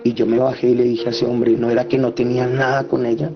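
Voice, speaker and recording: A man's voice: level tone, fast talker. A man telling an emotional personal testimony, speaking with passion. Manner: impassioned, voice climbing high when reliving the quarrels. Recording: slightly muffled with soft music behind.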